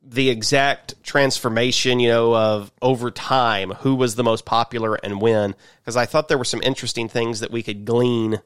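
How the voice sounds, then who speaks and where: A man talks casually and unscripted as a podcast co-host. His pitch is average for a man and the sound is dry, without room echo. He comes across as wry and self-deprecating, in natural conversation. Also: fairly even intonation, normal speed, few pauses, a bit bright, clear, resonant tone.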